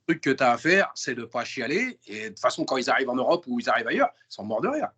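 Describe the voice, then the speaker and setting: Quick and slightly rough, this mid-range male voice belongs to an interview guest. He's casual and slangy, speaking with animated emphasis and plenty of restarts and repeated words.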